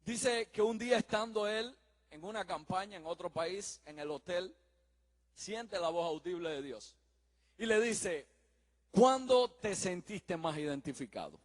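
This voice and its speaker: A man's voice: high-pitched, measured pace, long reverb tail. A man preaching a sermon, earnestly telling anecdotes and addressing listeners directly. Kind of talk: sermon with storytelling.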